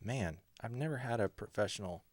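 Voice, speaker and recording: A man's voice: fairly low pitch, lively intonation, brisk, no room sound. A man hosting a music livestream, chatting in an upbeat, playful way while he works in his studio. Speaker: livestream host and music producer. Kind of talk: casual livestream chat. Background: music playing.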